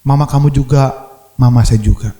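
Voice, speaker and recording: A preacher voicing a gentle reflective young wife. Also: male voice, mid-range voice, fairly even intonation, normal speed, echoey room, voice pushed down, natural voice. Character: young wife, softened and reconciling.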